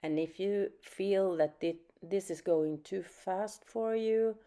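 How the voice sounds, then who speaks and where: A woman from Sweden, working as an art teacher, talks through an unscripted watercolor lesson in Swedish-accented English. Her pitch is medium and her pace slow; she speaks softly, thinking out loud and filling gaps with fillers.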